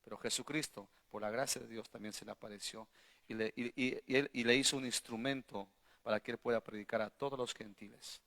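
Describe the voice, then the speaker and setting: Male pastor, sermon delivery, bright slightly high voice, punchy call-and-response questions, loud-soft swings, church hall reverb. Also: steady tone, brisk, creaky. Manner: emphatic preaching, frequent rhetorical questions to the congregation; swings between loud bursts and quiet asides.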